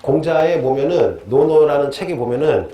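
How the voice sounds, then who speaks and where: A man's voice: a little high, moderate pace. Joking man teaching a history lecture. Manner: lively, joking, quizzes students constantly. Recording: echoey room, faint noise.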